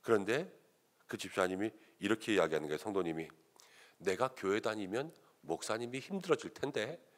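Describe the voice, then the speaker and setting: Lively storytelling pastor, low voice. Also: male voice, fairly quick. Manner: animated, acts out quoted voices of others. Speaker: senior pastor. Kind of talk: sermon with storytelling.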